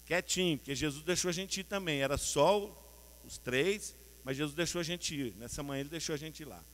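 A Brazilian man preaching a sermon with a Brazilian Portuguese accent, telling the story in colloquial, lively style and often addressing the audience directly. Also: a little high, fairly quick, big-room sound.

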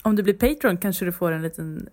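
A woman's voice: fairly low pitch, a little mellow. A woman with a Stockholm accent co-hosting a podcast in casual banter, chiming in with short, wry remarks. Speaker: podcast co-host.

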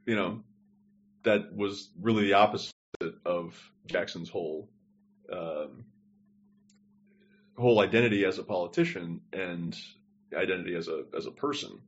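Over a remote call, a man with a low voice co-hosts a podcast at a moderate pace, leaving long pauses. The sound is lo-fi, and his casual talk wanders as he thinks aloud.

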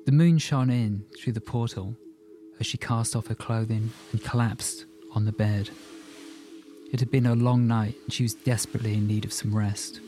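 A man narrating an audiobook in a calm, even storytelling manner. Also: lowish voice, moderate pace, soft background music. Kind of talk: scripted narration.

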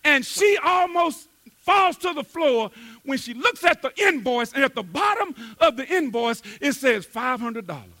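A man preaching a sermon, telling a story that climbs from quiet talk to shouted emphasis. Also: very high-pitched, sing-song, moderate pace. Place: church.

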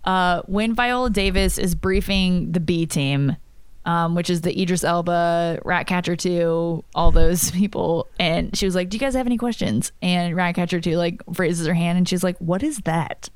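A woman chats casually about films, animated and quick to laugh. Her voice is smooth and clear. The sound is dry and close to the mic. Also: fairly low pitch, dry recording. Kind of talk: casual movie review chat.

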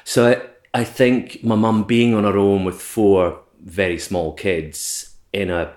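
A man's voice: fairly low pitch, fairly even intonation, takes it slowly, darkish tone. A Scottish man in his forties, the interview guest, recalling his childhood in a reflective, hesitant way with many restarts. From Scotland. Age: 40s. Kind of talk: casual conversation.

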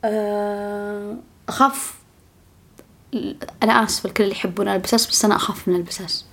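A woman's voice: medium pitch, steady tone, fast talker, fairly bright tone. A woman with a Saudi Gulf accent telling a casual story to her viewers. She talks in a chatty way, repeats herself often and sometimes drops to a whisper. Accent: Saudi Gulf Arabic. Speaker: vlogger.

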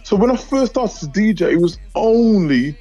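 A middle-aged man chats as a guest, telling stories and voicing the dialogue in them. His voice sits a little high, and the recording is slightly dull and lo-fi. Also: expressive, moderate pace, warm tone. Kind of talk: casual storytelling interview. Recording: dull, lo-fi sound.

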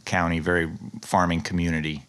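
A man's voice: deep voice, little pitch movement, a little fast, fairly bright tone, smooth. Middle-aged man, New York-Long Island blended accent. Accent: Western New York blended with Long Island. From rural western New York, USA. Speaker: interview guest, marine scientist. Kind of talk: casual conversational storytelling.

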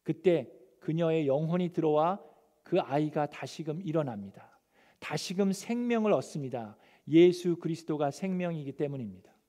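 A male pastor preaching a sermon, animated and acting out the scripture quotes. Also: on the high side, normal speed. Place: church sanctuary. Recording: long church hall reverb.

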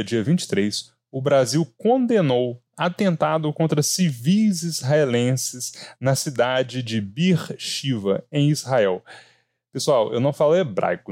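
A man co-hosting a news podcast, reading scripted news with relaxed, chatty asides to listeners. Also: medium pitch, no room sound, studio quality.

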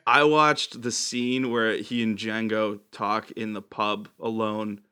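Bright sounding guy cohosting a comedy podcast, jokey, laughs a lot. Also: fairly low pitch, flat delivery, smooth. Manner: joking, laughs often, quick asides. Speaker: podcast co-host. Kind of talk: casual comedy chat.

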